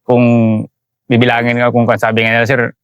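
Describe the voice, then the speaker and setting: A Filipino soldier recounts a combat ambush in an interview, respectfully adding "sir" to nearly every phrase. His mid-range voice is clear, resonant, and a bit bright, delivered completely flat and a little fast. The clean studio sound has no echo.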